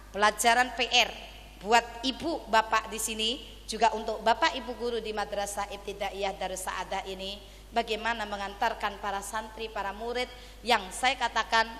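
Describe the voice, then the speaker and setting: A woman preacher with an East Javanese accent gives a lively sermon at a graduation ceremony, often calling on the audience to answer her. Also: medium pitch, long reverb tail. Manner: animated, keeps asking the audience to answer.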